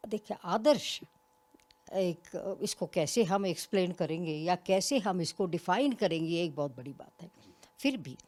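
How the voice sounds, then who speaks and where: An older woman answering interview questions in a reflective, explanatory way. Her voice sits fairly low, but her pitch moves a lot, rising and falling as she makes each point. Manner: reflective, explains with examples, occasional soft laughs. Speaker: retired college principal, guest. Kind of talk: interview conversation.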